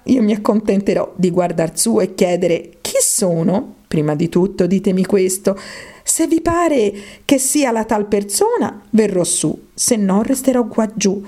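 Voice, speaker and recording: A woman voicing a worried, curious little girl who frets and exclaims to herself. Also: dark tone. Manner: fretful, exclaiming, pitch jumping up.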